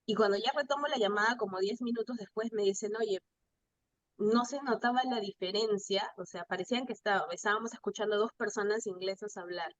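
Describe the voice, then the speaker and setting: As a guest in a casual interview, a Peruvian pastry chef with a Peruvian Spanish accent tells anecdotes chattily and acts out snippets of dialogue in conversational storytelling. Her medium-pitched voice runs a little fast, and the audio sounds dull.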